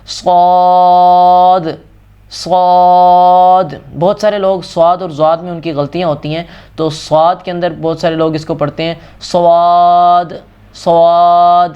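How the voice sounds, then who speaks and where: A man teaching Quran reading in a patient step-by-step lesson, slowly repeating and stretching out each letter. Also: on the high side, darkish tone, clean tone, muffled recording.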